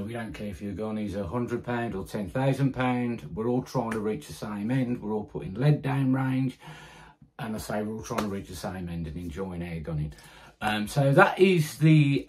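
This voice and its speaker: A man's voice: fairly low pitch, a little mellow. A middle-aged British man talking casually to camera about his airgun group, chatty and enthusiastic, with many fillers and restarts. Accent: British English. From United Kingdom. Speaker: airgun community group founder. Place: small indoor room with guns on the wall. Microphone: camera close in front.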